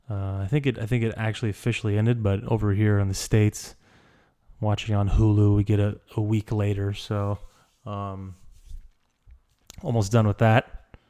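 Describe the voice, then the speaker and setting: Low-voiced rambling male podcast host. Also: warm tone, smooth. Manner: rambling, with stammered restarts and fillers. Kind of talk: casual solo podcast chat. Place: small hot room indoors.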